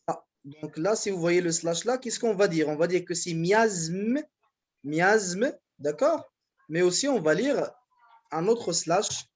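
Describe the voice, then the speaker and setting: A man's voice: high-pitched, animated, takes it slowly. A man with a Moroccan accent explaining verse to his class, hesitant and repeating words as he counts syllables. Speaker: student presenting in class. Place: university classroom.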